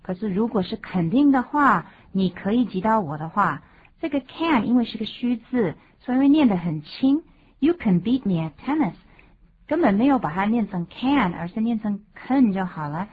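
Husky-voiced woman co-hosting a radio lesson. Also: mid-range voice, expressive. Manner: clear, measured model-sentence reading and explaining. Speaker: co-host of radio English lesson. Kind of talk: bilingual radio lesson, reading example sentences. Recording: tinny phone-like band.

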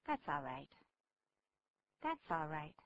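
A woman co-hosting a radio English lesson, reading the model dialogues clearly and carefully. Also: low-pitched, big pitch swings, slow pace. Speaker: English-speaking co-host. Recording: dull old radio recording with faint hum.

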